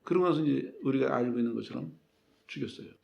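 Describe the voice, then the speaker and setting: Male pastor, gravelly voice, plain explanatory sermon with rhetorical questions, dull lo-fi recording. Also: mid-range voice, fast.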